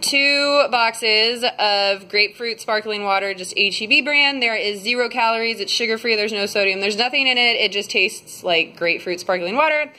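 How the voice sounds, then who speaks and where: Her pitch sits fairly high and her delivery is bright and forceful, at normal speed with barely a pause. She's a vlogger in her twenties doing a rambling, filler-heavy grocery haul into a phone camera at arm's length, starting in a parked car and ending in her kitchen at home.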